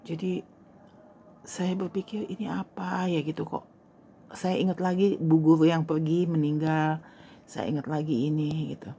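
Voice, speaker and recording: Older woman, casual storyteller, animated quoted dialogue with hushed asides; lowish voice, light room noise. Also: a little slow, long pauses. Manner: animated, acts out quoted dialogue, drops to whispers. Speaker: storyteller host.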